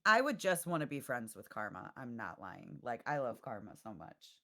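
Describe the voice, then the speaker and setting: A woman's voice: a bass voice, big pitch swings, moderate pace, fairly bright tone. A woman guest on a podcast in casual chat, blunt and profane, getting emotional about what she watches.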